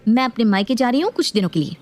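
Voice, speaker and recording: A woman's voice: fairly high pitch, expressive, racing, natural voice. Woman voicing a defiant young daughter-in-law. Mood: indignant. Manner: indignant, argumentative.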